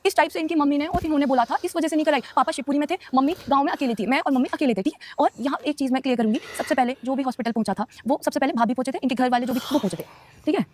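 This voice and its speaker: A woman's voice: sits high, a little mellow, slight background noise. A young woman on a casual live stream answering viewers' questions, emotional and defensive, talking straight to her audience. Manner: emotional, rapid, defensive, addresses viewers directly.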